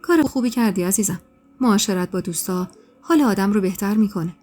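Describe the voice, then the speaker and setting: A woman reading the part of a tender young husband in an audio story, speaking softly and soothingly. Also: medium pitch, faint music behind, natural voice. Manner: soft, affectionate, soothing.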